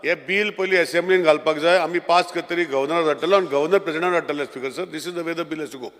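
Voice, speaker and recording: A man with a Goan accent moving a bill in a legislative debate, rapidly and repeatedly addressing the Speaker, mixing Konkani and English. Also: a little high, fairly bright tone. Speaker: state minister moving a bill. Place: legislative assembly hall. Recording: long hall reverb.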